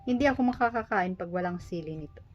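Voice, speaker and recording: A woman's voice: fairly low pitch, lively intonation, fast, dull audio, slight background noise. A Filipino woman in her forties with missing front teeth chats casually and jokingly to viewers while preparing food, poking fun at herself. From Philippines. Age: 40s. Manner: jokey, self-deprecating. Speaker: vlogger. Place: small private room.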